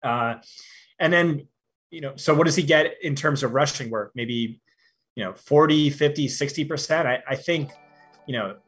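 A man's voice: on the high side, normal speed, fairly bright tone, breathy edge, soft background music. A man giving fantasy football analysis in a casual podcast chat, with many fillers and restarts but firm opinions. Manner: frequent fillers and repeated starts, confident opinions.

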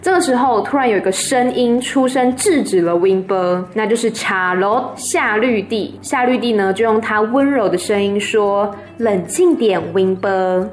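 A woman's voice: a little high, normal speed, few pauses, slight background noise. A woman with a Taiwanese Mandarin accent reading a children's story aloud with playful, laughing asides. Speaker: storyteller host.

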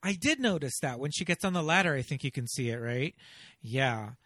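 A man's voice: mid-range voice, lively intonation, a little fast, sharp tone, dry recording, clean studio sound. A man in a casual film discussion, rambling conversationally as a podcast panelist.

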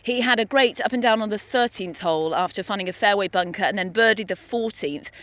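Mid-pitched woman hosting golf coverage. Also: fairly quick, a bit bright. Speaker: host of a golf broadcast. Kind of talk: studio sports discussion and scripted links.

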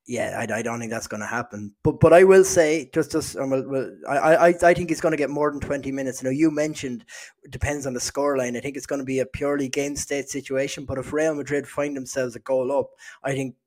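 A man's voice: mid-range voice, fast, a little mellow. A man co-hosting a football podcast, talking in a casual chat with frequent restarts and repeated words. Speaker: podcast co-host.

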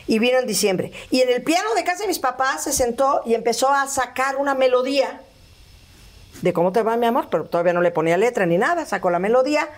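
A woman's voice: fairly high pitch, fast. A middle-aged woman from Mexico, a singer in a vocal group, telling stories in an interview and acting out who said what. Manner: animated, acts out quoted dialogue. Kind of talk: storytelling in casual interview chat.

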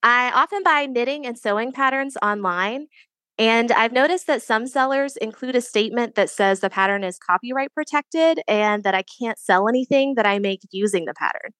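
A woman's voice: a little high, normal speed, fairly bright tone, dry recording. A woman from Arkansas giving a prepared question as a show listener. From Arkansas, United States.

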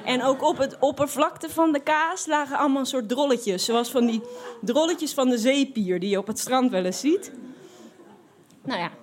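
A woman telling a personal anecdote in a lively, expressive way, with frequent fillers and restarts. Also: high-pitched, normal speed. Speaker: storyteller.

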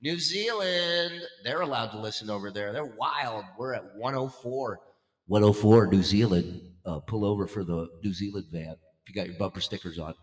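A man's voice: on the low side, fairly quick, hardly any pauses, a bit bright, slightly rough, no room sound. A man hosting a podcast in casual chat, joking and swearing freely. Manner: joking, profane banter. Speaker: podcast host.

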